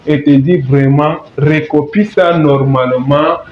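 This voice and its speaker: A man teaching a language lesson, repeating phrases slowly and spelling words out letter by letter. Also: a little high, fairly even intonation, a little hiss or hum. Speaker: English teacher. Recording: echoey, dull lo-fi room sound.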